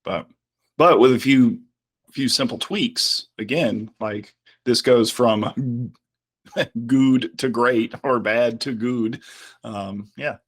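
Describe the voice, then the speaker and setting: A man co-hosting a casual podcast about advertising, talking in a relaxed, coaching way. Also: medium pitch, takes it slowly. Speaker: podcast co-host.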